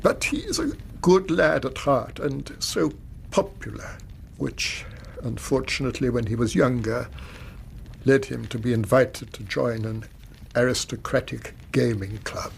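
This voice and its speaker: In a radio drama, a middle-aged English banker, a widowed, doting father, is sick with worry and full of regret. His mid-range, creaky voice is animated as he delivers formal, halting, agitated lines, with faint noise in the background.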